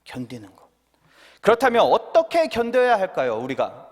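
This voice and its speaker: A man's voice: high voice, wildly swooping pitch, moderate pace. A young man preaching as a pastor at a prayer meeting, talking with the congregation through questions and playing out children's answers. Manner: asks the congregation questions, acts out children's replies. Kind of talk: sermon at a Wednesday prayer meeting. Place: church sanctuary. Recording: reverberant church hall.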